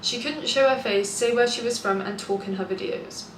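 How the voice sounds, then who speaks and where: Pitched a little high and moving at a moderate pace, this young adult British woman reads confessions aloud for her online video. She chats candidly about them, clearly amused and gleeful over the gossip, in an echoey room with noticeable background noise.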